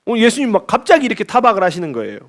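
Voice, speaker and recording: A man's voice: sits high, huge pitch swings, rapid-fire, a bit bright. A male pastor preaching a sermon at a church service, speaking conversationally and asking his listeners frequent rhetorical questions.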